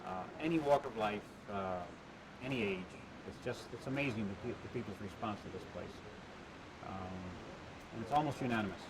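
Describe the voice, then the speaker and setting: A man answering interview questions about the attraction he built, halting with many "uh" fillers and restarts, heard on a worn tape copy. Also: on the low side, noisy background. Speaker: attraction owner being interviewed.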